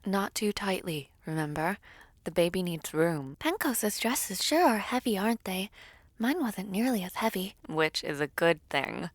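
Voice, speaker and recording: A woman performing a gentle, partly whispered audio role-play as a calm caring maid. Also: medium pitch, measured pace, no room sound. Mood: teasing.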